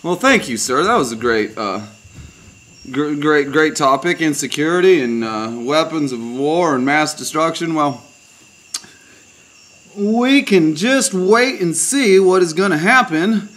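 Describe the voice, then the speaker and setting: A man's voice: on the high side, animated, measured pace, fairly bright tone. Mock-formal man hosting a puppet news spoof. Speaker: puppet show host.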